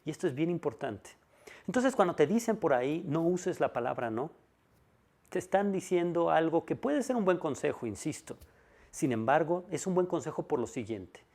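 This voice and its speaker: A man's voice: a little high, big pitch swings, moderate pace, darkish tone. A man giving a monologue lecture on personal development, stressing key points by repeating them and asking rhetorical questions.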